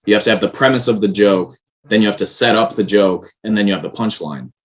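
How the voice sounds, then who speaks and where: A man's voice: on the low side, fast, rough recording. A man, a writer and director, explaining his film earnestly in a casual interview. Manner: earnest, explaining at length with restarts.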